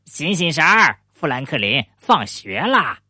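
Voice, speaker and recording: Brief: dad playing a cheeky young beaver for a bedtime story, raised lively voice, dry sound. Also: male voice, on the high side, normal speed, no echo. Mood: calling. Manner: bouncy, teasing. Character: teasing young beaver kid.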